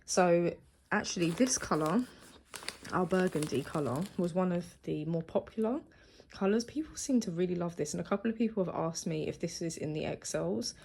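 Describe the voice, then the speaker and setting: A low-pitched woman chats through her stall stock in a relaxed, filler-heavy way, thinking out loud as she goes. She sounds slightly out of breath. Rustling and crinkling noise sits clearly under her voice in a home recording. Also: moderate pace. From United Kingdom. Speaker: small business owner. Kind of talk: casual vlog walkthrough.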